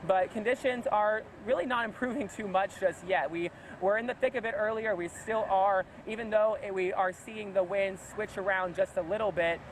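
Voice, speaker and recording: A man's voice: high voice, moderate pace, hardly any pauses, poor audio. A man working as a field reporter, giving unscripted live storm coverage outdoors and projecting over the wind. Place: outdoors by a flooded road in a hurricane.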